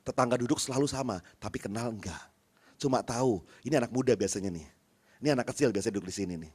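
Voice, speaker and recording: A man, a pastor, giving a sermon in a lively storytelling way, often calling out to the congregation and swinging from soft asides to loud, emphatic peaks. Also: mid-range voice, quick pace, slightly rough. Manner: humorous, acts out little dialogues.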